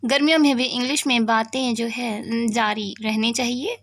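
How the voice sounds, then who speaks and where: A woman teaching a spoken English lesson, explaining patiently and saying example sentences very slowly. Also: a little high, fairly even intonation. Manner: slow, patient explaining with words read out very slowly.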